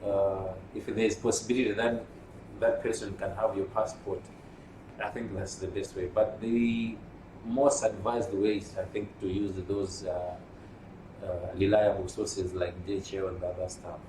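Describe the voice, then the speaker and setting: Low-voiced man in a roomy, noisy space. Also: little pitch movement. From Malawi. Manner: measured, explanatory, with hesitations. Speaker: union secretary general. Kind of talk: interview answers. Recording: roomy, distant mic with noise.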